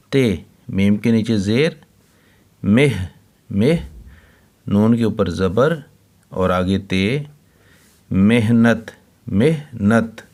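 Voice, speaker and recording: A man, teaching children to read. He talks at a very slow, deliberate pace in a lowish voice. He spells each word letter by letter and says it twice. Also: a little mellow. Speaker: Urdu teacher.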